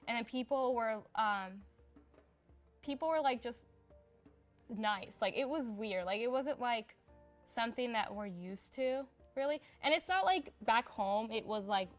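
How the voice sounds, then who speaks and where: A woman's voice: fairly high pitch, animated, a little slow, soft background music. Young woman in a casual interview. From Somalia. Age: young adult. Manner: chatty and unpolished, heavy on filler words. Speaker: interviewee in a community profile.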